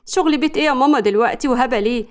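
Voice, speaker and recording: A brash, dramatic young woman with an Egyptian accent, as a woman narrator puts her on. She swoons and snaps in a high, quick voice. A lively storybook heroine obsessed with a footballer. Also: lightly acted. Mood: scheming.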